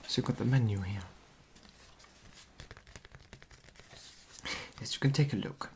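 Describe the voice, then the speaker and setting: A performer in an ASMR role-play as a genteel period society lady, gossiping softly and confidingly at a tea parlour. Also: mid-range voice, very fast, background noise, lightly acted. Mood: polite, attentive. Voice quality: soft-spoken.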